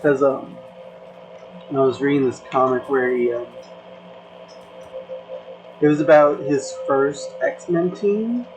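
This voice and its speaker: A content creator chats casually and slowly in a mid-range, slightly mellow voice, rambling with lots of fillers and restarts. The audio is poor, with faint music playing behind.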